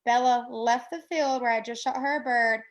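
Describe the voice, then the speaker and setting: Woman, co-host, high voice, casual chat, lots of "like". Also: fairly even intonation. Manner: chatty, quick asides with "like". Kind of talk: casual podcast interview.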